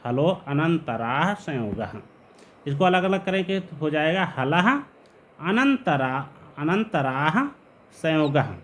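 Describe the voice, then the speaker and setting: Teaching Sanskrit grammar, this man is patient and explanatory, his somewhat high, slightly bright voice rising and falling widely. Important terms come out drawn-out and slow for the students' benefit.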